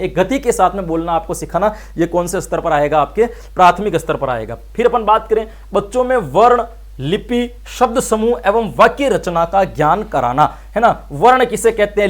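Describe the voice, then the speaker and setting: Brief: male online tutor, rapid delivery, quizzes listeners then answers himself. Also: sits high. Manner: rhetorical questions answered himself, calls viewers friends. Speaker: teacher. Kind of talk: exam-prep lecture.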